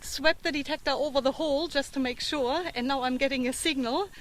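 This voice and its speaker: A woman's voice: high-pitched, a little fast. A woman chats casually and muses aloud as she hosts a metal-detecting vlog. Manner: chatty, musing aloud with tag questions. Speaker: metal-detecting treasure hunter and vlog host. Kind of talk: casual vlog commentary while digging.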